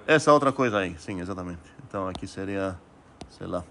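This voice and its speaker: A man's voice: sits low, expressive, brisk, fairly bright tone. A man giving a recorded math lecture, thinking aloud with many fillers and restarts and putting questions to the class. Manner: asks students rhetorical questions.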